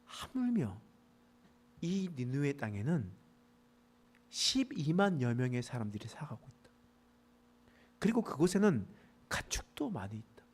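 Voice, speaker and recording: A man preaching a midweek sermon as pastor, telling the story animatedly and reading verses more quietly and formally. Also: mid-range voice, big pitch swings, a little slow, long pauses, husky.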